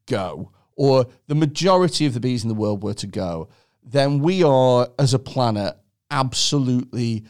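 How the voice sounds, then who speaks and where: A man hosting a casual podcast chat, animated and swearing often, with exaggerated reactions. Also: medium pitch. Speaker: podcast host.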